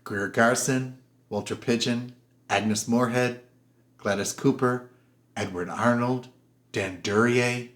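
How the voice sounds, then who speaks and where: A man hosting a casual film review show, animated and gossipy, sometimes putting on voices for quotes. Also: medium pitch, takes it slowly, pauses often. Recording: roomy echoey room.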